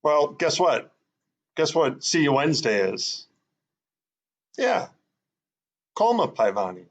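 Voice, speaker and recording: Speaking slowly with big swings in his fairly high pitch, a man gives a relaxed explanatory lesson. He reasons out loud and leans on fillers as he works through the pronunciation of words.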